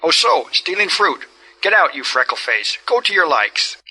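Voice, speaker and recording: A man voicing a pompous, greedy, stout middle-aged official in a storybook reading, wheedling in whispers or bellowing in rage, with a husky, bright voice. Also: a little high, big pitch swings, moderate pace, pitched above the performer's own voice, exaggerated voice, rough recording. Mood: furious.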